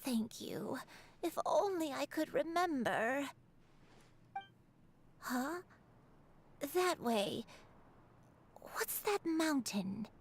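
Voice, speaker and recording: A woman voicing a gentle, troubled game character who has lost her memories, speaking softly and haltingly. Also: sits high, expressive, slight background noise, full character voice. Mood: wistful, apologetic. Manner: hesitant, halting, soft-spoken. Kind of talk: video game voice acting.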